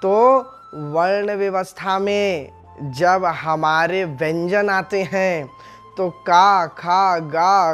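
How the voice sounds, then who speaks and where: Male spiritual teacher, unhurried discourse, rhetorical questions to the crowd, soft music in the background. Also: fairly high pitch. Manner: explains Hindi sounds by voicing each syllable; addresses the audience as friends, asks rhetorical questions. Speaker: religious teacher. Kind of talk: devotional discourse.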